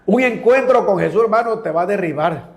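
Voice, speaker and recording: Fervent high-voiced male preacher. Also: lively intonation, fairly quick, darkish tone. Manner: reads scripture aloud with fervent asides; addresses listeners as brother.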